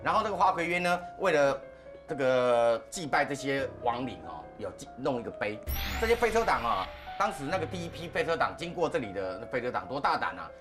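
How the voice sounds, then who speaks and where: Speaking briskly over music in a medium-pitched voice, a man with a Taiwanese Mandarin accent hosts a podcast. He is a lively, theatrical storyteller who shares ghost tales with a panel in a casual manner.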